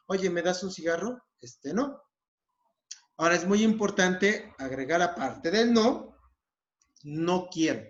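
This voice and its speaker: A man with a Mexican accent explaining a therapy technique in a recorded lesson, often checking in with his listeners. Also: a little high. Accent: Mexican Spanish. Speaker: psychologist. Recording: dull lo-fi recording.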